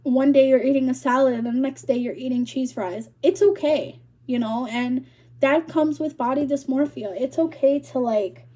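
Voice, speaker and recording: A woman's voice: sits high, moderate pace, mellow. A young woman vlogger chatting casually to camera, rambling and filling her talk with "like", a little out of breath. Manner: rambling, full of "like" fillers.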